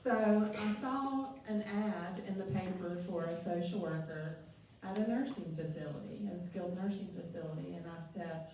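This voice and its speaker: Middle-aged woman, Appalachian accent, lowish pitch, informal self-introduction at a meeting, heard in a very reverberant room. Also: normal speed, few pauses, warm tone. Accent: Appalachian (West Virginia). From West Virginia. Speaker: nursing home administrator introducing herself. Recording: very echoey hall, distant mic, faint noise.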